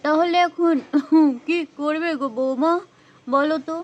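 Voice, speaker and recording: A woman voicing a kindly older village grandmother in a doll story, gently coaxing her daughter-in-law. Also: sits high, fairly even intonation, slow pace. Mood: gentle.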